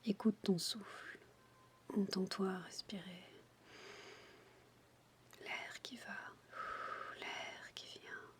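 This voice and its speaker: A woman guiding a relaxation in a breathy, intimate ASMR whisper, soothing and addressing the listener directly. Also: mid-range voice, fairly even intonation, drawn-out words, pauses often. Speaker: relaxation guide for childbirth.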